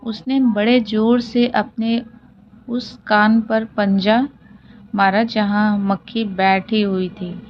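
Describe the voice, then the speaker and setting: A woman's voice: medium pitch, level tone, takes it slowly. A woman teaching children a textbook story, reading it and then retelling it in simple words while she asks and answers her own questions and drops in English words. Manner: mixes English words into Hindi. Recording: dull lo-fi audio with clear hiss.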